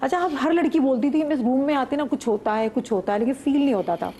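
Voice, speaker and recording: A middle-aged woman, a guest on a morning talk show, telling a story of a frightening experience in an animated, vivid way. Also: high voice, fast, slight background noise. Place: TV studio set.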